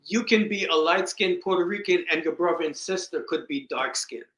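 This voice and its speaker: On a casual podcast, a co-host tells a family story, animatedly acting out the people in it and doing voices for their quotes. His voice is a little high and a little fast, and the room sounds echoey.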